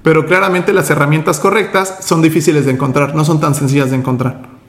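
A man's voice: on the high side, steady tone, fast, echoey room, soft background music. A man hosting an online finance workshop, teaching with motivation and firmly running roll call. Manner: firm, direct, gives instructions.

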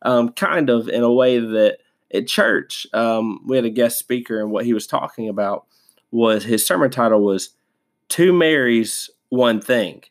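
A man with a medium-pitched voice hosts a devotional podcast at a measured pace. Stuffed up from a sinus infection, he talks casually, with plenty of fillers and restarts.

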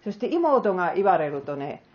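A woman's voice: on the low side, sing-song, normal speed, muffled recording. A woman preacher giving an earnest sermon that she closes with a prayer, putting questions to her listeners.

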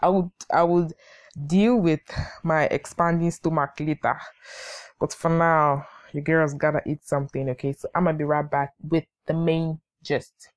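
A woman's voice: low-pitched, fairly even intonation, a little slow, no echo. A young woman with a Nigerian accent hosting a casual solo podcast, chatty and emphatic, repeating phrases for effect. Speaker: podcast host.

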